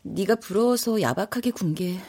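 An actress in her thirties playing a divorced woman in a radio drama, speaking quietly and hesitantly. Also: mid-range voice, lively intonation, moderate pace, husky. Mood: sad. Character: divorced woman, reserved, hurt, softening.

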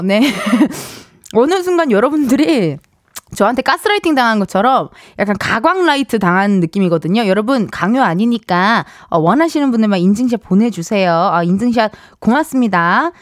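A woman's voice: on the high side, dry recording, clean studio sound. Chatty, playful woman radio host. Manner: chatty, playful, laughs often, acts out quoted lines. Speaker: radio show host and comedian. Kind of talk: casual radio talk, reading listener messages.

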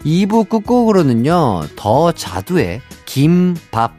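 A man's voice: a little high, slow pace, soft background music. A young man hosting a radio show, reading listener messages in a friendly, chatty way. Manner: lively, friendly, chatty with light laughter.

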